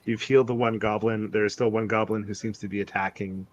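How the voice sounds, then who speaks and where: Guy dm with a lowish voice, lots of uhs and laughs while he narrates. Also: flat delivery, fast, highs cut off. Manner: laughing often, many fillers. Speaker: game master. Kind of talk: narrating a tabletop game.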